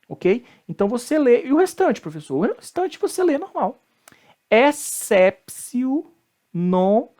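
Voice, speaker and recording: A man with a Brazilian Portuguese accent, a law professor giving a recorded lecture, explaining step by step with frequent tag questions and slowing down to pronounce Latin terms. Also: sits high, a little mellow.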